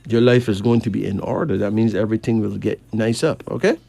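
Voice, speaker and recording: A man's voice: on the low side, fairly even intonation, fast talker, vocal fry, warm tone, no echo, soft background music. A man from Barbados, chatting and reading cards, emphatic with rising questions. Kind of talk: casual chat and card reading.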